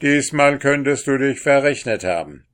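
Old king, gruff, loud and brusque, slow storybook reading, by a man. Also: medium pitch, pitched above the performer's own voice, lightly acted. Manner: raised, brusque declaiming.

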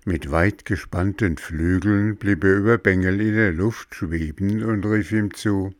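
A man narrating a children's fairy tale as an audiobook, measured and expressive. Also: low voice, no echo, studio quality. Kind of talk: storybook audiobook reading.

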